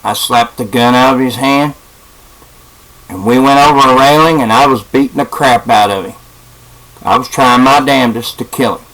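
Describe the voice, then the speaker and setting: A man, telling a story in a casual, halting way with many fillers. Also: mid-range voice, fairly bright tone, poor audio. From West Virginia. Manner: halting, with frequent uh fillers and restarts. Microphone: webcam.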